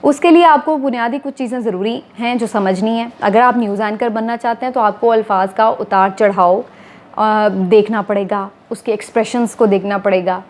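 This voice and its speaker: A woman, a TV anchor calmly explaining to viewers, step by step, how to become a news anchor. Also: mid-range voice, moderate pace. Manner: steady, explanatory, addressing viewers formally. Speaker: TV anchor giving career advice. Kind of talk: instructional talk to camera.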